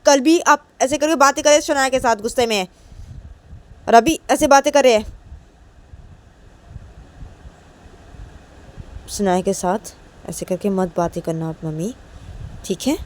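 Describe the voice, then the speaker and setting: A woman's voice: medium pitch, moderate pace, long pauses, darkish tone, voice pushed up, lightly acted. A woman voicing a defiant young woman who insistently repeats her warnings to her mother.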